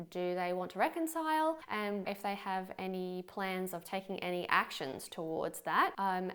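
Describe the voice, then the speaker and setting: A young woman doing a casual tarot reading for viewers, chatty and friendly with quick asides and fillers. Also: fairly high pitch. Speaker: tarot reader.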